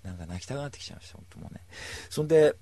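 Animated husky-voiced man telling stories. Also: mid-range voice, very fast. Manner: animated, acts out other people's lines in voices. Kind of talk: casual storytelling monologue.

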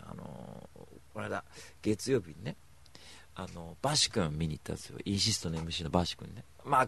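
Gravelly-voiced man rambling on the radio. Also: fairly low pitch. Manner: rambling, emphatic, animated storytelling. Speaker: radio show host. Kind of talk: casual solo radio talk.

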